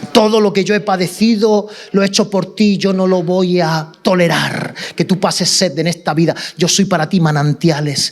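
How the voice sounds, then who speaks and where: A man preaching a sermon, voicing Jesus on the cross as a grave and tender figure who speaks slowly and solemnly. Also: high voice.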